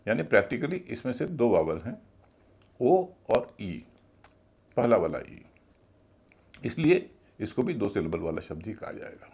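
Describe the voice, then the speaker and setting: A man's voice: fairly low pitch, very animated, unhurried, creaky, pauses often, darkish tone, breathy edge. A man teaching English pronunciation in a video class, explaining each rule step by step and spelling words out letter by letter.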